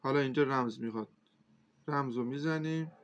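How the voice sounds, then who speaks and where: Relaxed man with a dull recording. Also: mid-range voice. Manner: relaxed, hesitant, many filler sounds. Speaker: computer instructor. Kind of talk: casual step-by-step phone tutorial. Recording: slightly dull lo-fi sound.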